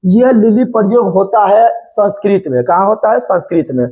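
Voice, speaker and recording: A man's voice: high-pitched, big pitch swings, normal speed, warm tone. Just a guy teaching grammar, chants the rhyme, asks the class questions again and again. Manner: repeats and quizzes students with questions. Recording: dull lo-fi recording.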